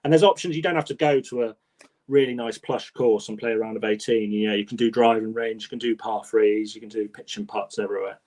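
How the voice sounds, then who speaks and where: A man's voice: fairly low pitch, steady tone, fast, a little mellow. A man, co-hosting a casual podcast chat, talking with enthusiasm and rambling restarts. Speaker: podcast co-host.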